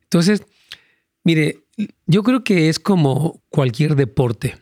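A man's voice: fairly high pitch, expressive, slow pace, darkish tone, dry recording, clean studio sound. A man, a pastor, earnestly answering callers' Bible questions, rambling with many fillers.

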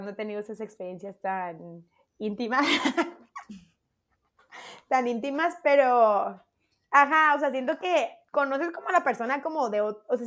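A young woman co-hosting a podcast, telling a roommate story in a casual, animated way and acting out her own quotes. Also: medium pitch. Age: young adult. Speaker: podcast co-host.

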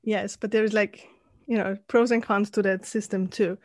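A woman from Austria, a guest coach, telling her story in a thoughtful interview with frequent pauses and restarts. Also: medium pitch, little pitch movement, no room sound, studio quality. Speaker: guest, life and leadership coach. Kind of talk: casual interview conversation.

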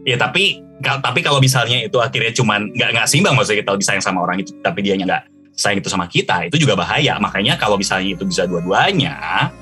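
A man's voice: on the low side, quick pace, bright, forceful tone, soft background music. A young man, a guest speaker, giving advice in a casual podcast chat and often acting out quoted thoughts.

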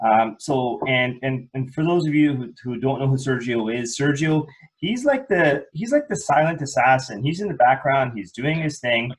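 A man's voice: mid-range voice, expressive, normal speed, low-quality recording. A man hosting a podcast interview, upbeat and chatty, often restarting his sentences. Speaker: podcast host. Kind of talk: casual interview chat.

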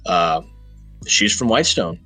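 A man's voice: low-pitched, animated, measured pace, pushed and bright, soft background music. A man hosting a podcast, chatting casually and rambling through jokes and banter. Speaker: podcast host.

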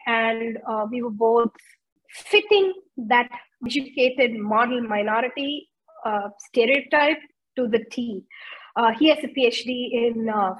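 A woman, hosting a podcast and telling her own story in an earnest, reflective way with frequent filler pauses. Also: a little high, highs cut off. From India. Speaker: podcast host and somatic practitioner.

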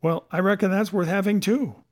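A man voicing rowdy, superstitious pirate mutineers, exclaiming in rough sailor dialect in a storybook reading. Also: high voice, expressive, moderate pace, darkish tone. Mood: eager.

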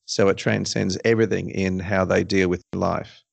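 Male podcast co-host, deep-leaning voice full of vocal fry, deliberate explanatory delivery. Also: little pitch movement.

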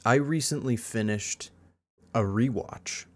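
A man's voice: medium pitch, takes it slowly. A man co-hosting a podcast in casual chat, rambling enthusiastically with lots of fillers. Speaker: podcast co-host.

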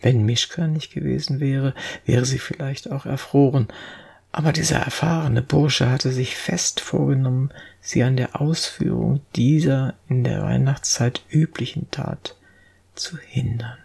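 A storybook narrator reads in a deeply gravelly, raspy voice that keeps sinking toward a breathy half-whisper. The pace is slow and unhurried, with a soft, intimate delivery. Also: fairly even intonation. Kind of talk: audiobook storytelling.

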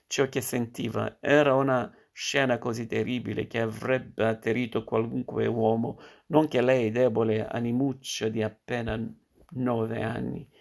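A man reading a dramatic story aloud in a measured, somber way. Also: medium pitch, gravelly, a little mellow. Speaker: narrator.

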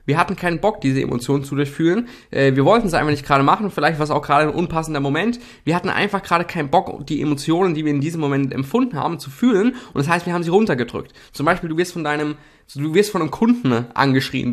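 A young man with a slightly high voice talks casually through a self-help lesson as he sketches. He uses slang, repeats himself and drops fillers. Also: fast talker. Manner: relaxed, slangy, many fillers and repetitions. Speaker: self-help video host. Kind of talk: casual explanatory talk while drawing slides.

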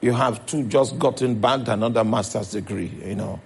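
A man's voice: medium pitch, normal speed, vocal fry, breathy edge. A man with a Nigerian accent preaching a sermon as pastor, checking in with his congregation as he goes.

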